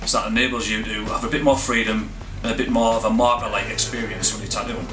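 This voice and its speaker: A man presenting a tattoo machine he designed, in steady product-promo narration. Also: on the low side, fast talker. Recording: roomy promo with music behind. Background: music.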